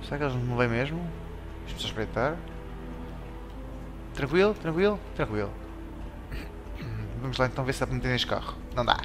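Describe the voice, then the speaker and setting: A man with a European Portuguese accent giving excitable commentary while playing a game, yelping and shouting at scares. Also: medium pitch, fairly quick, long pauses. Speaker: let's play gamer. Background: game music.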